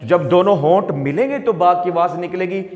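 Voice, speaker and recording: A man with a fairly high voice teaches recitation, repeating each point and asking his students questions. He draws sounds out slowly to show how they are made. His voice rings around a roomy space with a long, hanging reverb. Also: darkish tone, faint music behind. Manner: stretches out sounds slowly to demonstrate them. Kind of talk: teaching lesson. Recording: echoey room with long reverb.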